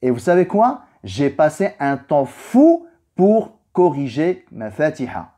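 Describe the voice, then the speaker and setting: A young man whose native language is Arabic gives an informal, motivational religious reflection as a vlogger. His voice is higher and mellow, slow, with big pitch swings, and he drives his points home emphatically through repetition.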